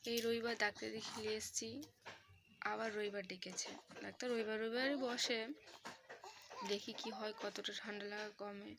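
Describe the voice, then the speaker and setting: A woman's voice: mid-range voice, fairly even intonation, a little fast, gravelly, background noise. A young woman vlogging at home, talking casually to her viewers and coaxing her child with a sore throat. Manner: chatty, coaxing her child in a sing-song voice. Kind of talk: casual home vlog talk.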